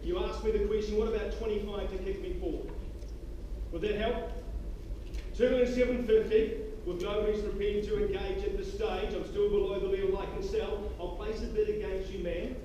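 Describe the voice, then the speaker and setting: A male auctioneer with a high, fairly even-pitched voice calls a live auction. He repeats bid figures in short, clipped runs and addresses bidders with formal courtesy. He is heard at a distance in a very echoey, noisy hall. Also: a little fast. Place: large echoing room at an auction competition.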